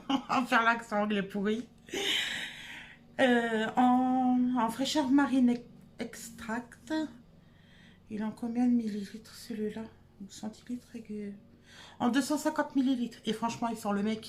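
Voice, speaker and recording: Chatty woman with a higher voice. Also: unhurried, long pauses, slight background noise. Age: adult. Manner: chatty, many hesitations. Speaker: haul vlogger. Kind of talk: casual product haul chat. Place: home.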